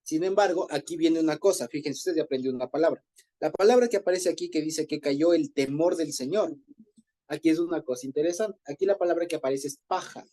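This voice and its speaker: Mellow-voiced man teaching Bible study. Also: on the high side, a little fast. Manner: conversational, explains Hebrew words, rephrases often. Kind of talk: informal group Bible study.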